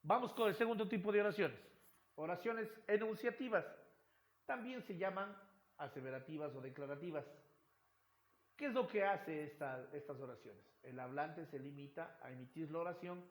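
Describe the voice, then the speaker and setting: A man's voice: on the high side, normal speed. A male teacher giving a recorded lecture, often checking in with "right?" and repeating phrases as he explains. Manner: checks in with "right?" and "yes?" after points; repeats words and restarts phrases. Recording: roomy echo.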